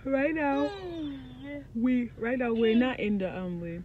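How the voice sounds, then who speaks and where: A woman's voice: a little high, lively intonation, slow pace. A woman in her forties chatting casually to her phone camera for a travel vlog, rambling with lots of fillers. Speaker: vlogger. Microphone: phone at arm's length. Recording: dull lo-fi phone audio with background noise.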